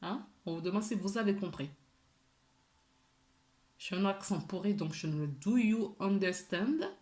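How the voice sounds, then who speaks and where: A woman doing a weekly spiritual card reading, gently encouraging her viewers and repeating key words for emphasis. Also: fairly low pitch, normal speed, reverberant. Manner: gentle and encouraging, often asks for agreement. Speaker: tarot and oracle card reader.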